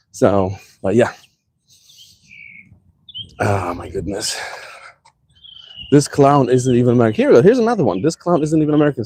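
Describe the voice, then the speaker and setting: A man's voice: mid-range voice, dark tone, slightly rough, no echo. A man with a slight accent, ranting heatedly and profanely in a casual vlog, talking from his car. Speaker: vlogger.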